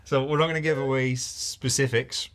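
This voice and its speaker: A man's voice: medium pitch, fairly even intonation, brisk, fairly bright tone. Playful teasing man on a panel. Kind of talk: casual chat.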